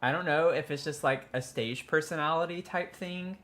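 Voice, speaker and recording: A man from Tennessee with a Southern accent builds in a game during a casual live stream, talking in a rambling, self-interrupting way. His voice sits on the high side and is a bit bright, with a moderate pace.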